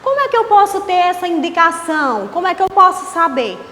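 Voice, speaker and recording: A Brazilian woman teacher giving an online class, explaining slowly and asking rhetorical questions. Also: very high voice, sing-song, a bit bright. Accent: Brazilian Portuguese. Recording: echoey room with faint hiss.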